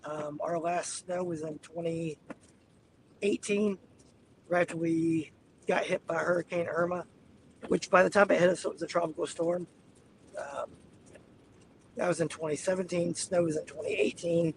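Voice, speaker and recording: A raspy-voiced man from Southeast Georgia livestreams storm-chasing commentary about the weather from inside his car while driving on icy roads, easygoing and calling his viewers "y'all." He's getting over the flu and has hiccups, and his fairly high, steady voice moves at normal speed with long pauses over background noise.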